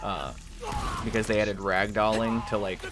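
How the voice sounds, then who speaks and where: A man's voice: fairly low pitch, steady tone, moderate pace. A man streaming a video game, chatting casually and thinking aloud about his build and his settings, often swearing. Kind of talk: casual gameplay chat. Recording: game music playing under the voice.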